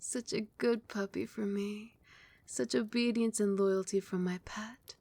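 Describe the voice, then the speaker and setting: Playing a doting vampire queen in ASMR roleplay, a woman keeps her mid-pitched voice soft, breathy and often whispered. She sounds steady and unhurried, regal, tender, soothing and possessive, intimate and full of praise, with no echo in the audio.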